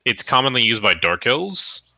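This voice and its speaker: A man's voice: medium pitch, very animated, moderate pace, creaky, sharp tone. Swearing casual man running the game. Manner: casual, swearing, rambling narration with fillers. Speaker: game master. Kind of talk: running a tabletop game over a live stream.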